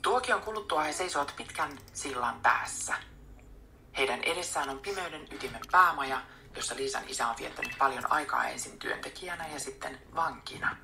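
Woman reader, whispered storybook narration, very low gravelly voice, faint hiss. Casting note. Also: lively intonation. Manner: soft unvoiced whisper. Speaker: audiobook reader.

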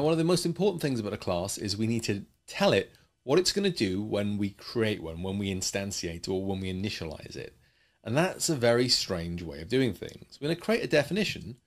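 Lively low-voiced coding teacher. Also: male voice. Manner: chatty, explains with playful asides. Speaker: programming teacher. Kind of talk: screencast coding lesson.

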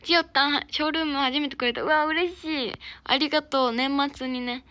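Brisk, high, and pushed bright, this young Kansai-accented woman is an idol livestreamer chatting casually. She happily reads viewers' comments and gifts aloud and thanks them, with noisy stream audio in the mix.

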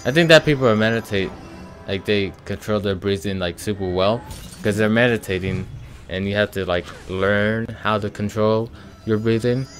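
A man's voice: lowish voice, moderate pace, faint music behind. A man giving casual let's-play commentary as a gaming channel host, thinking aloud with many ums and sighs.

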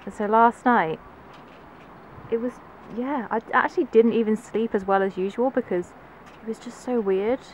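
A woman's voice: on the high side, normal speed, long pauses. Chatty woman on a boat deck. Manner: chatty, laughing, talks to her baby. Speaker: sailing vlogger. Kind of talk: casual vlog narration. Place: outdoors on a sailing boat at sea. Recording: noisy open-air deck recording. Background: wind and water noise.

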